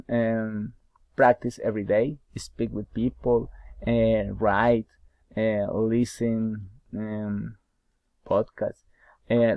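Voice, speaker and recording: A young adult university English student, a native Spanish speaker with a Spanish accent, answers study questions aloud in English in a lowish voice. He speaks haltingly, repeating words as he searches for them. The recording is dry and the audio dull.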